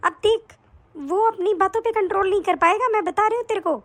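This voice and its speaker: A woman voicing an older mother-in-law in an animated story, who takes her son's side and scolds her daughter-in-law dismissively. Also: very high-pitched, fairly quick. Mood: scolding.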